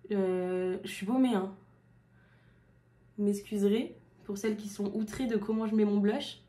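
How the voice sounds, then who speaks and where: A young woman of about twenty, chatting casually to camera while doing her makeup, with many fillers. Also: on the high side. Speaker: beauty YouTuber. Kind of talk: casual makeup tutorial chat.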